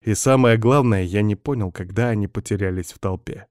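A man reading a first-person story aloud in a steady, scripted audiobook narration. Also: lowish voice, brisk, clear, resonant tone, no room sound, studio quality.

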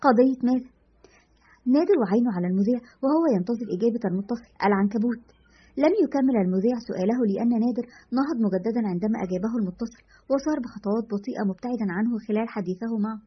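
A woman narrating a scripted story in a brisk, even way, in a dull lo-fi recording. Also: on the high side, husky.

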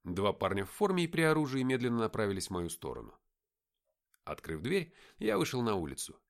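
A man narrating a first-person audiobook in a measured, dramatic storytelling manner. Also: fairly low pitch, big pitch swings, creaky.

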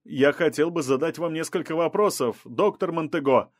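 Man playing a pushy male reporter, insistent, shouting, raised higher voice, dry audiobook sound. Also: a little fast, no echo, natural voice.

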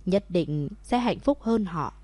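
A woman reading the lines of a calm, assured young man in a storybook. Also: on the low side, a little slow, dry recording. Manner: firm, certain.

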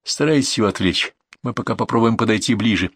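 A man voicing a stern male police investigator who gives curt, calm orders. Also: lowish voice, fast, husky, no room sound. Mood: calm command.

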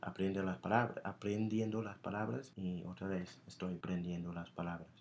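A man with an American accent, a native English speaker, co-hosting a casual chat and often pausing to search for words. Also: low voice, little pitch movement, creaky, a little hiss or hum. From United States. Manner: hesitant, searching for words as a learner. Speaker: podcast co-host. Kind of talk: casual conversation.

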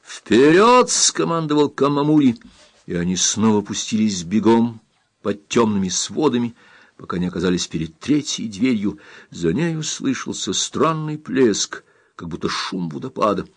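A man reading an adventure novel aloud in a steady, measured narration. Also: lowish voice, husky. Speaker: audiobook narrator. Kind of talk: scripted narration.

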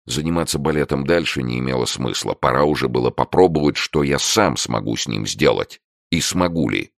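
A man narrating a first-person crime story as an audiobook, in a measured, dry storytelling manner. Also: rumbling low, lively intonation, vocal fry, dry recording.

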